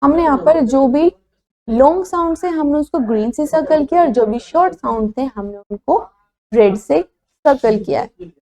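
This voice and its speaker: A woman's voice: high-pitched, animated, moderate pace, warm tone. A woman teacher with an Indian accent, giving a phonics lesson in Hindi and English, spelling each word letter by letter before reading it.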